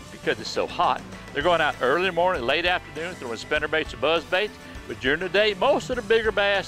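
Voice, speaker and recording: A man's voice: on the high side, fairly bright tone. An older man giving a hearty, down-home fishing report outdoors. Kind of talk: folksy fishing report to camera. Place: outdoors on a lakeside lawn.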